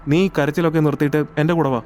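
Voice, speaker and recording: Brief: cool, teasing young heroine voiced by a man, scolding, slightly raised pitch. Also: steady tone, fast talker, darkish tone, slight background noise, close to an everyday voice. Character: calm, bossy young woman, teasing, unafraid. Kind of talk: audio drama acting.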